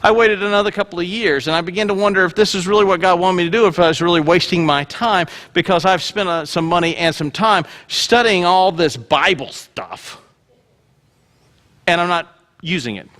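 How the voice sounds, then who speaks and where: Pastor man telling jokey stories at the pulpit, high bright voice. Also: moderate pace. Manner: animated self-mocking storytelling. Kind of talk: sermon.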